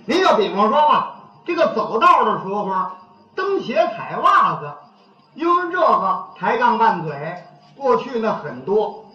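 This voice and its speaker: Guy doing a comic monologue, high bright voice, bouncy, old muffled roomy recording. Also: a little slow. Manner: chatty, animated, acts out quarrelling voices. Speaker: comic storyteller. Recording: dull echoey old recording.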